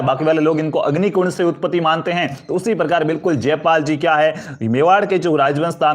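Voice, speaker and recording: A man teaching an exam-prep history lesson, asking questions and answering them himself while calling his students friends. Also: on the high side. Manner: addresses students as friends, asks for comments and likes.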